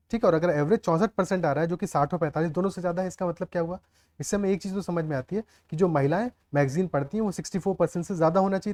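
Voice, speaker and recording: A man's voice: a little high, a little mellow. A man teaching a maths lesson step by step, often checking with the class whether they follow. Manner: explains aloud, often checks the class with "clear?" and "okay".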